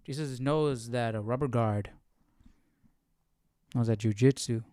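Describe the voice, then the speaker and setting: A man with a warm, mid-range voice hosts a Bible study livestream at a measured pace. He chats casually, asking questions, thinking aloud, and muttering to himself, in clean, echo-free studio sound.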